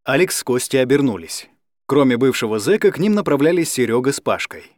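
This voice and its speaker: A man narrating an audiobook in a lively, dramatic storytelling manner. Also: mid-range voice, brisk, dry recording, studio quality.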